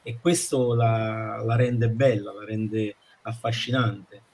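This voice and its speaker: Husky man talking calligraphy. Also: lowish voice, fairly even intonation, a little mellow. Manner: earnest, halting with frequent fillers. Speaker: calligraphy association member. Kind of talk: casual chat.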